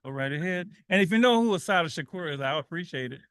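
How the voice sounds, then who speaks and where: A man hosts a call-in radio show with energy, repeating himself and laughing easily. His voice sits high and sounds bright and ringing. The studio sound is close and dry. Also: animated, quick pace, clean tone, no echo. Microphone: studio microphone.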